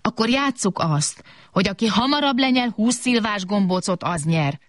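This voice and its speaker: A woman's voice: medium pitch, lively intonation, no echo, clean studio sound, pitched above the performer's own voice, natural voice. A woman voicing a big robot who is proud, bossy and sulky, in a storybook reading.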